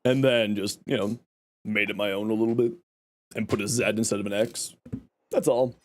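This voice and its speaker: Streaming a game, a young man talks to his viewers in a lowish voice with fairly even intonation and a moderate pace. A cold has left him scratchy-voiced, and he wanders through reading and responding to chat with plenty of fillers.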